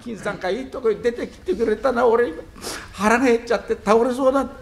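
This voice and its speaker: A man's voice: very high voice, fast talker, gravelly. An older man voicing a hungry, dim-witted poor man who grumbles and fumbles his words. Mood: pleading. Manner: grumbling, muttering, clumsy with words.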